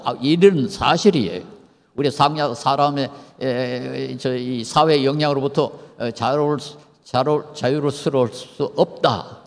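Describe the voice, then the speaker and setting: An older male professor lectures at an unhurried pace, often putting rhetorical questions to his listeners. His voice sits at a middle pitch. A long reverb trails his words, as in a large lecture hall. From Korea. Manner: asks the audience rhetorical questions.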